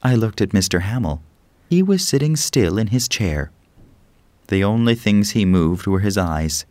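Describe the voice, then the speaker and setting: A man reading a story aloud as narrator, in a measured, plain storytelling manner. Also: lowish voice, expressive, darkish tone, no echo. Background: music.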